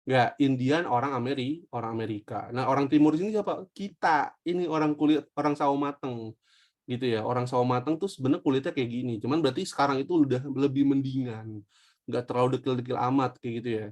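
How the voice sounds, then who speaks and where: A man's voice: medium pitch, fairly quick, darkish tone. A young man giving a casual online history lesson. He jokes with the class, poses questions and answers them himself, and speaks with a slang flavor. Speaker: teacher.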